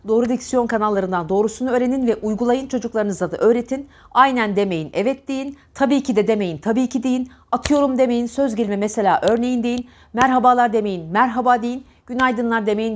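A woman diction teacher giving an earnest, emphatic lesson to camera. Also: mid-range voice. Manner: earnest, emphatic, scolding repetition.

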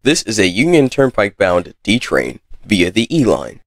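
Man giving lively-pitched transit announcements, husky. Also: no echo, clean studio sound. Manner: formal, measured announcer delivery. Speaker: train announcer. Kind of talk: scripted transit announcement, like a subway or airport announcement.

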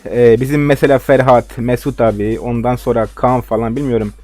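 A man's voice: mid-range voice, steady tone, a little fast, darkish tone. A young man giving live game commentary, ranting and swearing in frustration at his opponents. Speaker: gaming video host.

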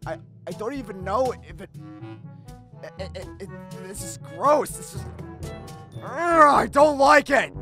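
A man's voice: extremely high pitch, lively intonation, measured pace, pauses often, over music. A man voicing an edgy, brooding hedgehog in a comic dub, stammering and repeating himself in an overwrought way. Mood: disgusted. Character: edgy, brooding male hedgehog, panicky and easily disgusted.

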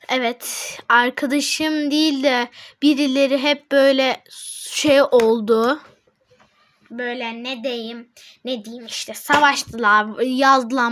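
A woman doing casual gameplay commentary, excitedly reading out chat messages to her viewers and breaking into laughing shouts. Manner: excitable, addresses viewers as friends, reads chat aloud; bursts into high laughing shouts. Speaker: gaming channel host.

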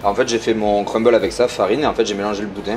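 A chef rattles through his recipes at a quick, chatty clip. His voice sits at an ordinary middle pitch. Clear background noise runs behind him. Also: fairly even intonation. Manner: fast, chatty, describing recipes. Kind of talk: casual explaining.

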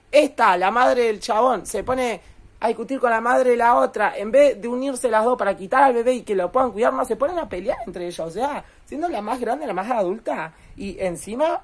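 A woman, casually and indignantly recapping a TV episode in a chatty, animated way. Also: mid-range voice. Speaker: commentator.

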